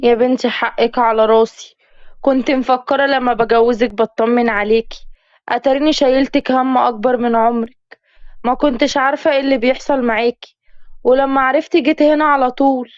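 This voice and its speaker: A woman's voice: high voice, steady tone, fairly quick, no room sound, lo-fi sound, lightly acted. A woman with an Egyptian accent voicing a tired, grieving mother pleading with her daughter in a spoken story. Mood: weary. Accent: Egyptian Arabic.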